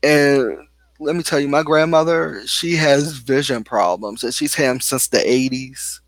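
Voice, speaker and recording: A man's voice: medium pitch, a little slow. A young man pours out a long, heated rant straight to camera. His speech rambles and restarts, with plenty of "like" and "you know" as he circles back. The sound is dry and close, with no room echo. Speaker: vlogger. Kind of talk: casual venting monologue.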